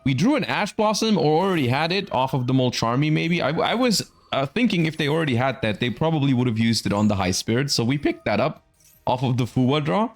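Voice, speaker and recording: A man's voice: medium pitch, lively intonation, a little fast, soft background music. A man hosting and commentating a live card game tournament in a conversational, explanatory announcer manner.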